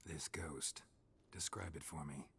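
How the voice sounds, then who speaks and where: An actor playing a terse, gruff male monster hunter in a video game, speaking curtly in a low, gravelly, half-whispered voice. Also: fairly even intonation, a little slow, bright, forceful tone, slight background noise, exaggerated voice. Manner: curt, matter-of-fact questions.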